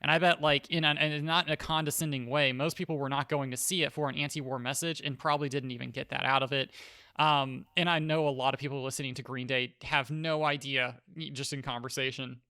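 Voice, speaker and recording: Bright-voiced thoughtful man, dry sound. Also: medium pitch, fairly even intonation, a little fast, clear, resonant tone, no echo. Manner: thoughtful, hedging with fillers. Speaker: podcast co-host. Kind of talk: casual gaming podcast chat.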